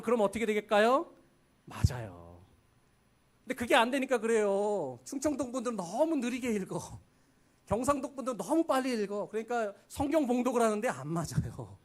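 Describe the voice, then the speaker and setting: A man from Gangwon Province preaches a Sunday sermon in a church. His voice sits high for a man and rises and falls widely as he preaches. He breaks into little acted-out quotes of everyday talk. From Gangwon Province, Korea. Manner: animated preaching, acting out folksy quotes. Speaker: pastor. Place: church sanctuary.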